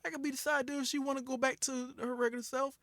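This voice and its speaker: A man in his thirties telling a story on a podcast, lively and laughing, with a close dry mic sound. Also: very high voice, quick pace, no echo. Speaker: podcast co-host. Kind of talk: casual storytelling chat.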